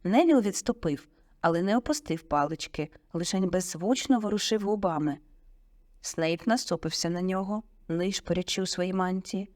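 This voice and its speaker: Expressive woman reading an audiobook. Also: lowish voice, normal speed, no room sound, studio quality. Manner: expressive, vivid storytelling. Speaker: audiobook narrator. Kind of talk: audiobook narration.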